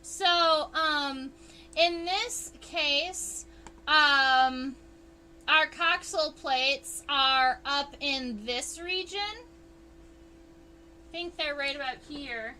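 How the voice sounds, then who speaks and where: Chatty woman science streamer, high-pitched and unhurried, faint hiss behind. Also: sharp tone. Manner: chatty, unhurried, reads chat aloud. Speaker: entomologist livestream host. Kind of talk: casual livestream teaching.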